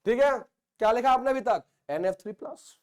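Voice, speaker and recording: A man's voice: very high voice, brisk, smooth. A male chemistry teacher from India lecturing a classroom, joking, teasing and scolding the students while drilling points by repetition. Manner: repeats phrases for drilling.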